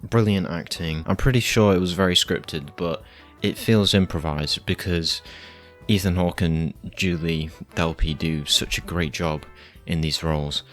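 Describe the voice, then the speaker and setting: A man's voice: deep voice, measured pace, soft background music. A man giving casual film reviews in a laid-back, rambling, slightly hesitant way.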